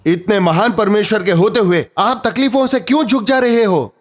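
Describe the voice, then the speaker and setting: A man's voice: sits high, normal speed. A middle-aged man preaching a sermon, telling a story with drama and acting out the voices he quotes.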